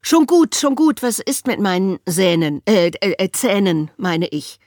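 A woman's voice: medium pitch, big pitch swings, a little slow, a little mellow, no room sound, studio quality. A woman voicing a flustered young boy who stammers and hesitates.

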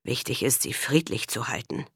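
A woman's voice: fairly low pitch, lively intonation, normal speed, fairly bright tone, no echo, clean studio sound. A woman reading the part of a firm, matter-of-fact man settling a land dispute.

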